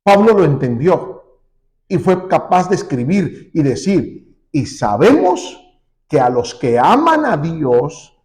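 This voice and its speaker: Male Mexican pastor, sermon delivery, drawn-out pauses, wide expressive pitch. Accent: Mexican Spanish. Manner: preaching with dramatic pauses and sudden rises.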